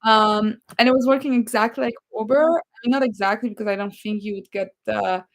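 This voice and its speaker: A woman's voice: on the high side, steady tone, a little fast, no room sound, low-quality recording. A woman from Poland, rambling in a casual live chat with viewers. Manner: rambling, chatty, reads viewer comments aloud. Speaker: livestream host.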